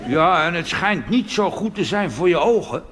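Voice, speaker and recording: Over crowd and background noise, a man with a high, lively voice plays a cheeky, half-deaf old street-organ grinder at a moderate pace. His cabaret monologue rambles with hesitations and mumbled asides, all delivered with deadpan mischief.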